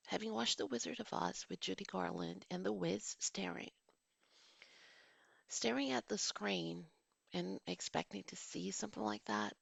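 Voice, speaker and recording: Recorded at home without room sound, a lowish, husky voice with vocal fry belongs to a forties-aged teacher and vlogger. She reads the formal text of a movie review, then keeps drifting off into casual asides.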